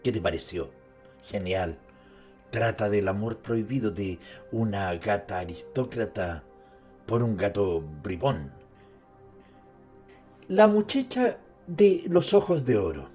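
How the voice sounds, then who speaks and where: A man's voice: fairly low pitch, animated, takes it slowly, pauses often, warm tone. A man giving a dramatized literary narration, speaking directly to the listener with conversational asides. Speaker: narrator presenting an author's life and works. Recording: music behind the voice. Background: music.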